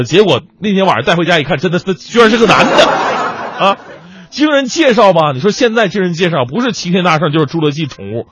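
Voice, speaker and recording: A man doing a stand-up comedy monologue as a radio host, telling jokes with animated storytelling. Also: fairly high pitch, a little hiss or hum. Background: audience laughter.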